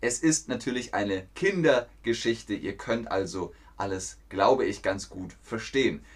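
On a live stream, a man teaches German by telling a simple story clearly for learners. His voice is fairly low and unhurried, and he asks viewers questions and reads out the chat.

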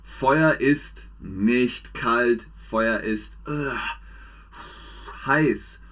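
Man, husky voice, very slow, lively pitch, German lesson for learners. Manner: slow, repetitive, exaggerated drills with lively pitch swings. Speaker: German teacher streaming to a chat.

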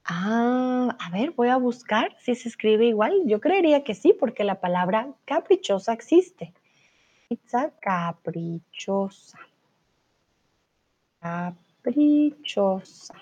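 A woman teaching Spanish in a live online lesson, chatting and reading viewers' comments aloud, saying words slowly and carefully for learners. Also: fairly high pitch, lively intonation, warm tone. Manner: slow, careful pronunciation for learners. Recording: slightly dull, lo-fi sound.

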